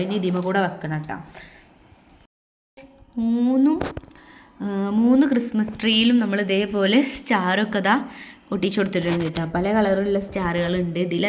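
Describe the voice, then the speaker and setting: Woman; home vlogger, casual step-by-step craft chat, mid-pitched everyday voice. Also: slight background noise. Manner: chatty, explains step by step to viewers. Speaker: family vlogger.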